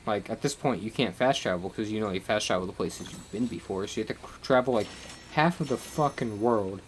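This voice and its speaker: A man's voice: on the low side, brisk, slight background noise. A man chatting casually on a live stream, rambling and swearing as he recaps a game, laughing often.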